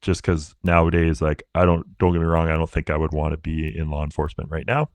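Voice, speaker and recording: Very deep-voiced man telling stories. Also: level tone, quick pace, no echo. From Canada. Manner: laid-back storyteller, many fillers. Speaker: podcast guest, Paralympic athlete. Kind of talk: casual interview chat.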